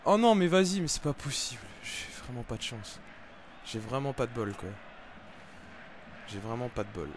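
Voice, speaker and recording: A young man giving live commentary over his football video game, with excitable, frustrated outbursts about his bad luck. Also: medium pitch, moderate pace, long pauses, slight background noise. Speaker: gaming YouTuber. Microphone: desk microphone.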